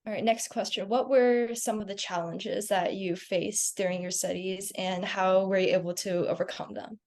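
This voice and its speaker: A woman's voice: medium pitch, fairly even intonation, moderate pace, a little mellow. A woman hosting an online webinar, reading an introduction and interview questions and giving short affirmations. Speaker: webinar host.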